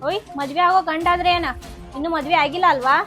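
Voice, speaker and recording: A woman with a North Karnataka Kannada accent playing a young woman, brisk and scolding. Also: very high voice, bright, forceful tone, soft background music. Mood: annoyed. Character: young woman brushing off her lovers. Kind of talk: short film acting.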